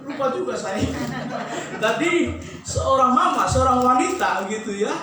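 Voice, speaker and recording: A man preaching a sermon in a chatty, joking way, laughing often and acting out nagging spouses in a squeaky voice. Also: expressive, a little slow, far from the mic, crowd noise. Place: church sanctuary. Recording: echoey church hall, mic from afar.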